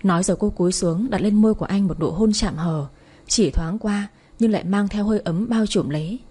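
A woman narrates a story in a soft, even storytelling voice. Her tone is dark and mellow, with a husky edge. She keeps a steady audiobook pace. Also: medium pitch, brisk.

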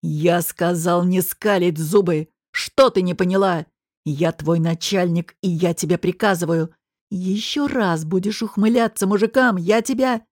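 A woman reading an audiobook voices a bullying male restaurant boss who barks threats in a lowered, slow voice. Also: darkish tone, no echo, clean studio sound, natural voice. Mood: menacing. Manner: barking, threatening.

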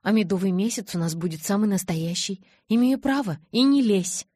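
A woman speaking as a stubborn young woman, sharp and raised in tone. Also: mid-range voice, animated, normal speed, no room sound, clean studio sound, natural voice. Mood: defiant.

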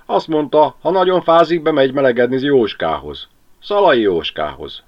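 A man's voice: medium pitch, expressive, voice pushed up, close to an everyday voice. A man voicing an anxious, wistful young village woman in a lo-fi audiobook reading. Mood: guarded.

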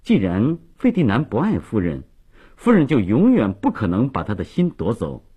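A man's voice: lowish voice, huge pitch swings, moderate pace, dark tone, husky, full character voice. A man voicing a proud young commoner woman who speaks with dignity, in a radio story. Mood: dignified.

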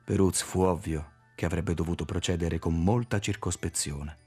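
A man narrating a literary audiobook in a measured, expressive reading. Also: low voice, breathy edge, faint music behind. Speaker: audiobook reader.

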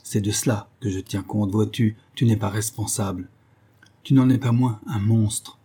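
A man's voice: fairly low pitch, steady tone, normal speed, mellow, breathy edge. A man voicing a young male hero who speaks coldly, voice shaking with anger, in an audiobook. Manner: cold, trembling with anger.

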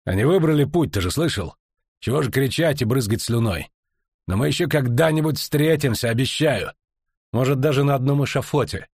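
A man's voice: medium pitch, a little fast, a little mellow, husky, no echo, clean studio sound, pitched above the performer's own voice. A man reading an audiobook, voicing a menacing middle-aged coroner who drawls with venom and threats. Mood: cold.

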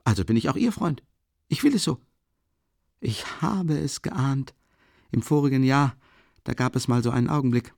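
Babbling drunk young man in an audiobook, as a male narrator does him, gushing and excitable, his voice leaping high and swooping low with a gravelly rasp. The words tumble out effusively, close and dry. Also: moderate pace, long pauses, no room sound. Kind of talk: audiobook character voice.

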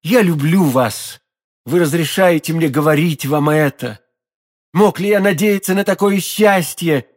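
A man's voice: a little high, animated, moderate pace. A man voicing a proud, ardent young nobleman in love, speaking with fervent declamation. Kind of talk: audiobook character voicing.

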